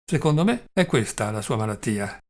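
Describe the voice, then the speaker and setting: A man's voice: lowish voice, very animated, moderate pace, darkish tone, voice pushed down. A man reading the part of a worried, earnest woman in an audiobook. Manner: concerned and earnest. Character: worried, kind woman, Claudia Petrovna.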